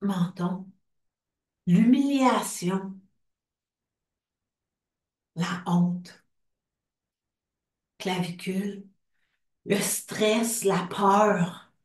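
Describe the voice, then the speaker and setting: A woman with a Québécois French accent leading a guided group tapping session, speaking slow, calm phrases for others to repeat. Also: mid-range voice. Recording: roomy sound from a distant mic.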